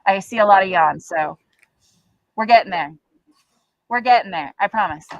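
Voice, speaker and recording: A woman's voice: mid-range voice, normal speed, highs cut off. A woman giving a volunteer training talk, blunt and profane, acting out example phrases.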